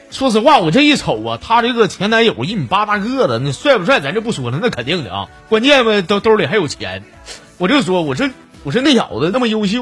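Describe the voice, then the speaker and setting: A male host with a Northeastern Chinese accent tells jokes and reads out listener messages, laughing at his own punchlines. His voice sits high and swings widely. Music plays underneath. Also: a bit bright, slightly rough. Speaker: comedy podcast host. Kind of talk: comic storytelling and reading listener messages.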